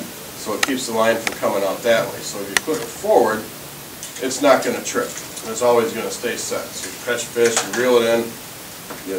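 A man's voice: medium pitch, far from the mic. A man in his thirties walks through how his fishing gear works, explaining step by step and often restarting his sentences. His voice carries a roomy echo, picked up from a camera across the shop with a faint hiss underneath. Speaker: fishing tackle presenter. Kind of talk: casual product demonstration. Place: indoor tackle shop.

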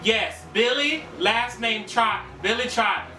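A man's voice: high voice, animated, slow, sharp tone, heavily acted. A young man playing an earnest, polite department store worker on a straight-faced prank call. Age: young adult. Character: earnest male farm-owning lingerie department worker calling off. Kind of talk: improvised prank phone call. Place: small living room. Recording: roomy, distant camera sound, music.

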